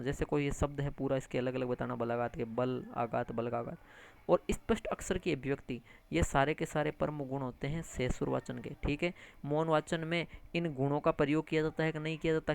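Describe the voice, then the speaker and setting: A man teaching an exam-prep lesson, animated, repeating key terms and addressing listeners as friends, with English words mixed into his speech. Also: on the high side, gravelly, smooth. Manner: mixes English words into lecture.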